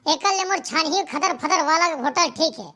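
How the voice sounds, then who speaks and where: A stubborn, grumbling rustic man in a cartoon with a very high, squeaky pitch and a bright, sharp tone. He complains loudly in a Chhattisgarhi accent about the food he wants. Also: moderate pace, heavily acted. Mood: fed up. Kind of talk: cartoon comedy voice acting.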